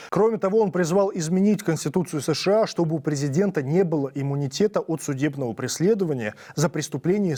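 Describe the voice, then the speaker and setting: A man's voice: fairly high pitch, mellow. A man presenting the news, reading scripted reports as narration.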